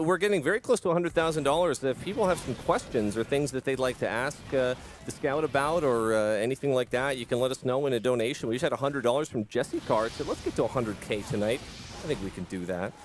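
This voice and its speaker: A man with a Canadian accent hosting a charity live stream, easygoing and quick to laugh at himself. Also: medium pitch, expressive, faint music behind. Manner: easygoing, laughing, self-deprecating. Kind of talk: casual live-stream chat.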